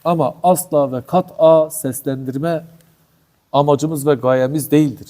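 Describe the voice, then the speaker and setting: A man preaching religious commentary in a fiery, indignant way, firing off rhetorical questions at his listeners. His voice sits high for a man, with a dark, mellow tone. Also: fairly even intonation, unhurried. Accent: Turkish. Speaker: Quran commentary teacher. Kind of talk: passionate religious commentary talk.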